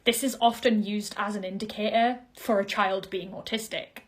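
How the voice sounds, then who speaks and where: A young woman from Northeast England with a softened Geordie accent, talking casually and earnestly to camera as a vlogger, with quick asides. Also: mid-range voice, steady tone.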